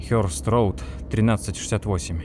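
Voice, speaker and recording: A man reading an audiobook, voicing a panicked shopkeeper who shouts frantically in a high, cracking voice. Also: moderate pace, background noise, natural voice. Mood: shaken. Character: panicked middle-aged male shopkeeper.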